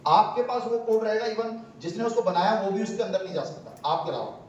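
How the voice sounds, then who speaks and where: A man speaks in a high voice, telling stories to a seminar crowd and acting out the people in them. He sounds distant, caught from across a very echoey hall. A faint hiss sits under his voice. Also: fairly quick, muffled recording. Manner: storytelling, acts out callers' voices, laughs often. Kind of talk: lively talk to an audience with anecdotes.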